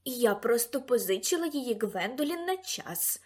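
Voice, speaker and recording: A woman's voice: on the high side, lively intonation, moderate pace. A woman voicing a flustered, indignant older aunt speaking with a trembling voice.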